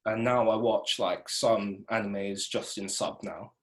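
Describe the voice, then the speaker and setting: A young man hosting a casual interview, relaxed and hesitant, with many fillers. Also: fairly low pitch, takes it slowly. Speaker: host.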